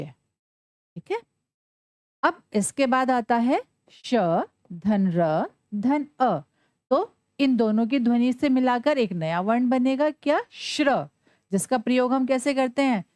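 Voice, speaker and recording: A woman teaching children a Sanskrit lesson in a slightly high voice that rises and falls a lot. She asks questions and answers them herself, and spells out letters slowly. The sound is dry and close, with no room echo. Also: animated, darkish tone. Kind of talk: classroom lesson.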